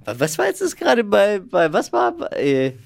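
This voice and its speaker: Playful, lively radio quiz host man. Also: high-pitched, normal speed, gravelly, faint music behind. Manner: playful, laughs often, teasing. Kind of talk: lively radio show hosting.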